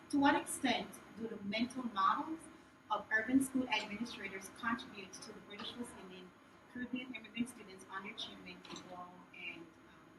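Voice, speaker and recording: A woman born in Jamaica and raised in New York gives an earnest research presentation to a room, with frequent ums and soft, trailing phrase endings. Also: medium pitch. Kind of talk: conference presentation. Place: conference room. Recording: echoey room, distant mic, background noise.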